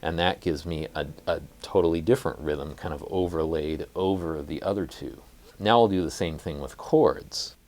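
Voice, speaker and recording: A man with an exceptionally deep, low voice gives a jazz guitar lesson. He explains rhythm methodically and counts beats aloud. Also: moderate pace, darkish tone. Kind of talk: instructional music lesson.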